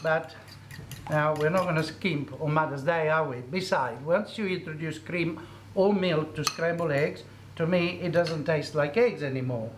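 This is a middle-aged man at a moderate pace, his voice a little high, hosting a cooking demonstration. He chats instructively as he works in a commercial kitchen, where faint sizzling echoes and slight background noise can be heard.

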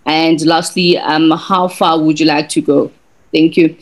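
A woman's voice: deep voice, level tone, measured pace, low-quality recording. A woman sports journalist putting a polite, orderly question at a press conference.

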